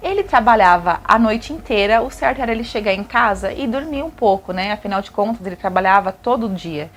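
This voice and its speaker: A woman's voice: medium pitch, expressive, brisk, a little hiss or hum. A young woman with a Brazilian Portuguese accent, confiding a personal story to her viewers in a chatty way. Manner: chatty, addresses viewers directly. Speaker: vlogger. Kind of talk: emotional personal confession.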